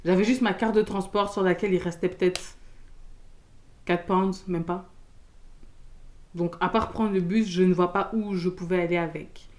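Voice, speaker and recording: A young woman from Belgium, telling a storytime in casual slangy chat, loud and expressive, acting out the people in her story. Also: fairly low pitch, moderate pace, pauses often. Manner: casual slangy talk with many fillers.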